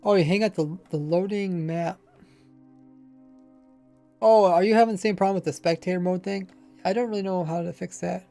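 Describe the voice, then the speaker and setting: With long pauses and a creaky, dark, high voice at a moderate pace, a man rambles casually while streaming Minecraft gameplay. Faint music plays behind his slightly mumbled, lazy delivery, which carries a faint accent.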